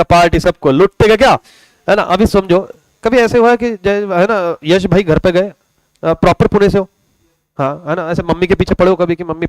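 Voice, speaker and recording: Chatty, high-voiced Indian male teacher. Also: no echo, low-quality recording. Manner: chatty, joking, addresses students as beta. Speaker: commerce teacher. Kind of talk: casual online class lecture.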